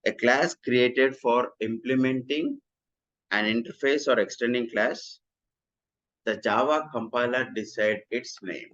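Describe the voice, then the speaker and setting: A man's voice: mid-range voice, measured pace, dull audio. Man teaching code, repeating his points. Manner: repetitive, steady explaining, often restates lines. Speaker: programming instructor. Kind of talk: recorded coding lecture.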